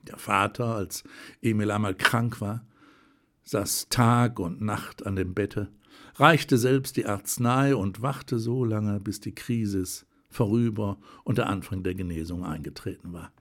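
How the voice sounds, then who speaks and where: A man narrating an audiobook with a steady, deliberate reading. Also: lowish voice.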